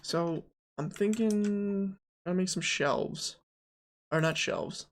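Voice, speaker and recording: A man's voice: sits high, takes it slowly. A young man streaming game development, chatting casually, thinking aloud and answering his chat as he models.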